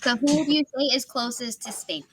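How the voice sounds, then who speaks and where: This woman, an English tutor from Miami, USA, talks at normal speed in a voice on the high side during a casual video-call lesson. Frequent laughter and fillers like "like" and "you know" mark her speech, and there's heavy background noise.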